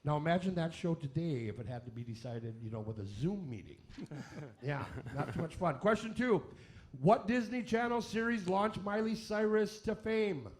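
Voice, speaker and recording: On a comedy radio variety show, a man runs the quiz segment, delivering questions with playful joke asides. His voice is on the high side and animated, at a moderate pace.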